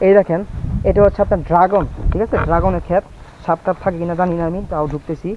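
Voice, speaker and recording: A man vlogging a walking tour outdoors on a windy farm, chatty and always telling viewers to look, his voice going hoarse. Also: high-pitched, steady tone, fast talker. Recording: dull lo-fi phone audio with faint outdoor noise.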